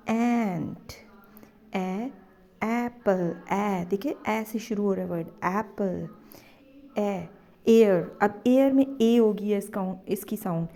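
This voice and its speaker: A woman's voice: mid-range voice, mellow. A woman teaching phonics in a patient way, repeating letter sounds and drawing them out. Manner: repeats letter sounds many times, drawn out. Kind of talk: slow, patient phonics lesson.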